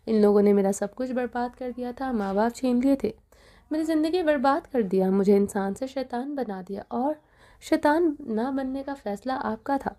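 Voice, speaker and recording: A woman's voice: on the high side, mellow, close to an everyday voice. A woman voicing a grown mafia leader who pleads emotionally with his wife, in an audio novel reading. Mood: pleading.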